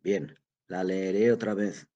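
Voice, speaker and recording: A man voicing a tired grown son who speaks calmly and evenly, in a husky voice. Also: deep voice, muffled recording. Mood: patient. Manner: calm, measured reading. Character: weary, patient grown son.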